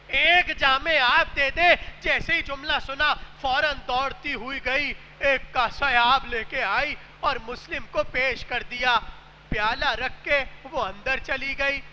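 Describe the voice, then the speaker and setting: High-voiced man preaching in an echoey hall. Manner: rises from soft storytelling to loud wailing cries. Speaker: preacher at a mourning gathering. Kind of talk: majlis sermon, recited with rising lament. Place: large mosque hall. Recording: echoey hall with faint noise.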